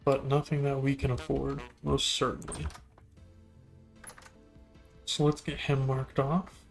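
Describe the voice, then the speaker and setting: A man giving relaxed, musing commentary while playing a video game, now and then talking to things on screen. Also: medium pitch, takes it slowly, vocal fry, faint music behind. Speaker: gameplay video host. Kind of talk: casual gameplay commentary.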